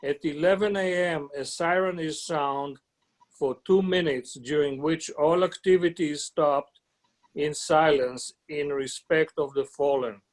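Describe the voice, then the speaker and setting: A man giving a slow, solemn prepared talk at a memorial gathering. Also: on the high side, steady tone, poor audio. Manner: slow and solemn, measured phrases. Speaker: speaker.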